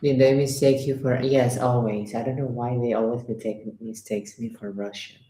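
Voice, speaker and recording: A woman's voice: very deep voice, steady tone, moderate pace, warm tone, echoey room, slight background noise, low-quality recording. A woman from Ecuador, a tarot reader chatting casually on a livestream and telling stories. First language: Spanish. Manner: anecdotal, acts out dialogue, chatty asides. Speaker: tarot reader and live streamer.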